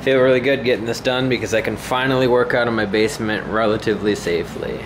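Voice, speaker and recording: A mid-range male voice speaks fast with fairly even intonation as this home gym vlogger rambles unscripted in his indoor concrete basement. The delivery is informal and tentative, like thinking aloud, recorded on his own handheld camera mic with background noise.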